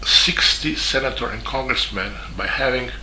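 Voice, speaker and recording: A man from Serbia with a Serbian accent, a journalist giving a spoken statement in halting English full of fillers and restarts. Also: mid-range voice, pushed and bright, a little hiss or hum. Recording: echoey room with faint ambience.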